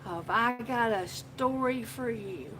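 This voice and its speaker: A woman with a slightly high, fairly bright voice speaks at a slow pace on a phone live stream from the shop she owns. With slight background noise, she casually rambles through a tale, laughing a lot along the way.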